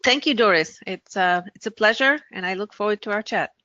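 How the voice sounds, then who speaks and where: A woman from France speaking as an interview guest, explaining things conversationally and thoughtfully, pausing to rephrase. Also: medium pitch, sharp tone, no room sound, lo-fi sound. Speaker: podcast guest, business founder.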